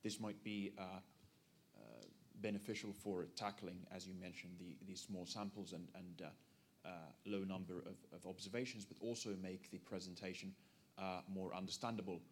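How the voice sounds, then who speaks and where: Low man's voice, polite audience comment, halting repeats, faint rumble behind. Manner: polite, hesitant, repeats words. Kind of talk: conference Q&A comment.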